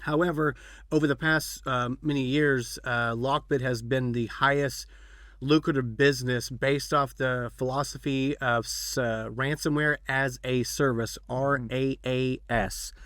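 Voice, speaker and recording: A man's voice: mid-range voice, steady tone, a little slow, fairly bright tone, dry recording, clean studio sound. A man hosting a podcast, chatting casually and rambling with fillers and restarts. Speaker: podcast host. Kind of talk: casual chat.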